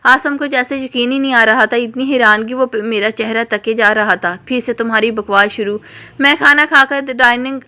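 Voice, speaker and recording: A woman narrating a first-person storybook novel in an emotional, expressive reading. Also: fairly high pitch, moderate pace, few pauses.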